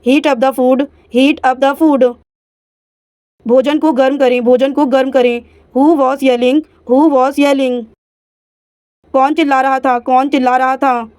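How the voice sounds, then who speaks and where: A woman, teaching English by reading each sentence twice, slowly in English and quickly in Hindi. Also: sits high, flat delivery, darkish tone, clear, resonant tone, no room sound.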